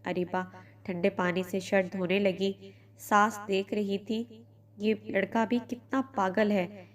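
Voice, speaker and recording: Calm woman storyteller. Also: mid-range voice. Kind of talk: narrated moral story.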